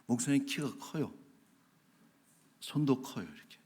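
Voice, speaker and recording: A man preaching a sermon as pastor, telling a story with lively voices, dropping to whispers and laughing along. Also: mid-range voice, a little slow. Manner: animated storytelling, acting out quoted voices, drops to whispers.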